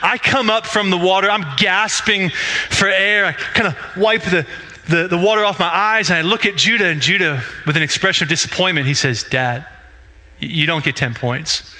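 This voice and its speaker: In a church sanctuary, a pastor in his thirties preaches a sermon built around storytelling, animatedly acting out the dialogue in his stories. His voice sits high and his delivery is brisk, though the audio quality is poor.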